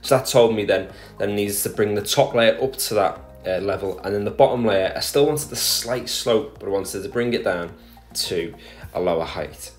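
A garden DIY vlogger narrates a voice-over about his garden project, laying out his steps plainly and methodically with small restarts. His voice is on the low side at a moderate pace, with faint music behind it.

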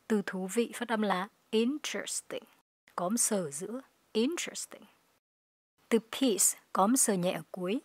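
A woman with a Vietnamese accent teaching English pronunciation, explaining each word and reading phrases slowly for listeners to repeat. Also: medium pitch, no room sound. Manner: slow clear model readings of English phrases. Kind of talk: pronunciation lesson.

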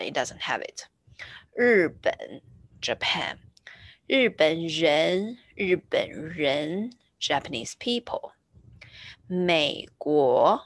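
A woman teaching a beginner Chinese lesson, patiently repeating each word slowly as she explains. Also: lowish voice, no echo. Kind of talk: slow screen-share language lesson.

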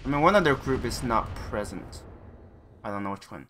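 A man's voice: mid-range voice, expressive, normal speed, a bit bright, faint music behind. A man streaming himself playing a game, chatting casually with viewers and laughing often. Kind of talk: casual live-stream chat while playing.

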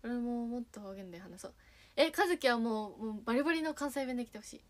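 A woman's voice: fairly high pitch, lively intonation, fast talker. Giggly young woman with a Kagawa accent. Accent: Sanuki dialect (Kagawa). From Kagawa, Japan. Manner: giggly, playful, teasing. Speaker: idol streaming and chatting with fans. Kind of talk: casual livestream chat reading fan messages.

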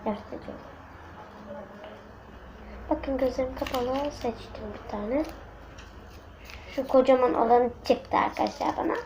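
A young woman vlogging at home, chatty and excitable, talking straight to her viewers. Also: high-pitched, moderate pace, background noise. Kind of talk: casual home vlog. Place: at home indoors.

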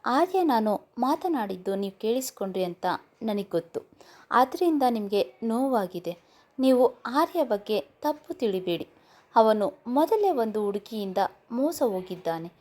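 An earnest, pleading young man, a loyal friend in a storybook tale, as a woman narrator reads his part. The voice sits a touch high. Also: sing-song, measured pace, a little mellow.

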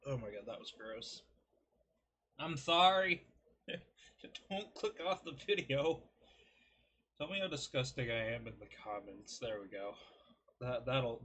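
A man's voice: mid-range voice, a bit bright, a little hiss or hum. A man in his early twenties rambling casually to a desk webcam in a small bedroom, joking and mocking himself as he reviews food. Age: 20s. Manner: self-deprecating, rambling, joking. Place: small cluttered bedroom, indoors.

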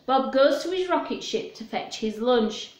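Reading a picture book aloud to children, a woman presents storytime with simple, child-directed talk full of questions. Her voice sits high and is expressive, at a measured pace. She's indoors in a small room at home, and the recording is roomy and echoey.

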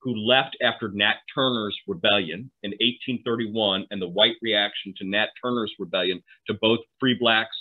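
A man's voice: lowish voice, steady tone, normal speed, few pauses. Middle-aged man lecturing over a tinny line. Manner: conversational, asides and tag questions. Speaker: historian presenting a talk. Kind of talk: online history lecture. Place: home room, video call. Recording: phone-like narrow audio.

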